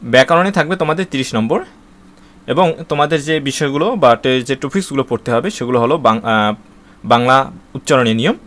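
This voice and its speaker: A Bangladeshi-accented man talks students through an exam syllabus at an average pitch. He moves item by item through long lists and fills the gaps with "uh" while he restarts words. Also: fairly quick, a bit bright. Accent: Bangladeshi Bengali. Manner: reads out lists steadily, with frequent "uh" fillers and restarts. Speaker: teacher explaining an exam syllabus. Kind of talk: spoken lesson to students.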